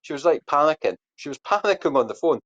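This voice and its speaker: Soft music plays behind a quick-talking man with a highish voice, a podcast guest who wanders through a long, filler-heavy story with plenty of false starts. He then puts questions to his hosts over muffled lo-fi audio.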